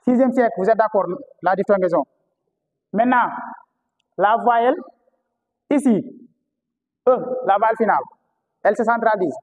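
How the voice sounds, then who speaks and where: A man's voice: high voice, moderate pace, pauses often, narrow, tinny audio. A man with a Senegalese French accent teaching historical phonetics to a class, often repeating key words and asking rhetorical questions. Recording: reverberant classroom.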